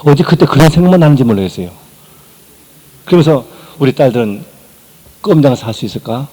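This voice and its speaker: An older male pastor preaching a personal testimony, his voice mellow and dark. He acts out quoted lines from his story, dropping to quiet tones and then rising again. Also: medium pitch, animated, fairly quick, rough recording. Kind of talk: sermon testimony.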